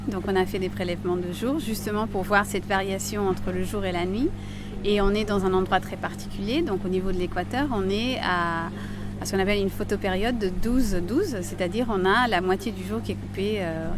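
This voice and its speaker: Brief: woman researcher, halting explanatory delivery, recorded in a noisy shipboard lab. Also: medium pitch. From Portugal and United States. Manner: hesitant, many fillers, explanatory. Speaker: scientist. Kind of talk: explaining her lab work on site. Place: wet lab aboard a ship. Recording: noisy ship lab with loud pumps. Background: loud water pumps.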